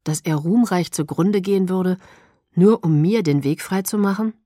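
A woman reading an audiobook, voicing a calm, tender young male vampire lover in a soft, low, gentle voice. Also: moderate pace, no room sound, clean studio sound, close to an everyday voice.

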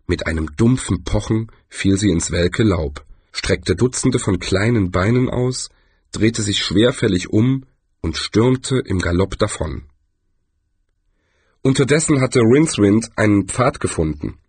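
Husky low-voiced male narrator. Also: unhurried, no echo. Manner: expressive storytelling. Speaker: audiobook narrator. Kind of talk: scripted narration.

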